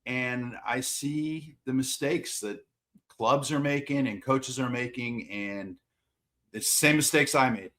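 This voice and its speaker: A man in a middle pitch talks frankly about coaching and freely admits his own shortcomings. He often repeats a word or two while he lines up his next thought. His delivery is plain and unpolished. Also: slow, pushed and bright. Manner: plain-spoken, self-deprecating, repeats words as he gathers thoughts. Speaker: swim and water polo coach. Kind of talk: interview answers.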